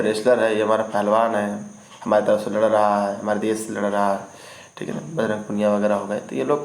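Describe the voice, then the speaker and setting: A man teaching vocabulary in an online lesson, repeating each word and often asking if students follow. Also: lowish voice. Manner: repeats words and keeps asking "ठीक है ना?". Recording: echoey room with faint noise.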